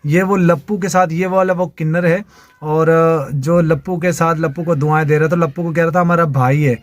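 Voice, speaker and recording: A man's voice: on the high side, steady tone, normal speed, no echo. A man giving indignant, repetitive commentary over videos.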